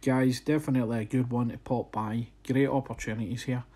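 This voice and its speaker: A man at a medium pitch, talking through his photos in an easygoing voice-over. He sounds friendly and a little hesitant, like a photographer sharing a day trip. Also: brisk, slightly rough. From Scotland. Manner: relaxed, friendly, slightly hesitant. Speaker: photographer narrating a slideshow. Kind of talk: casual voice-over narration. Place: voice-over, not recorded on site.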